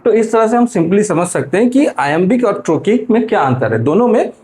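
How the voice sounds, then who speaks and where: A man's voice: high voice, sing-song, normal speed, mellow. A man teaching English literature in an explanatory lecture, often stopping to check in with the class and correcting himself as he goes. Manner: self-correcting, repeats "ठीक है" often.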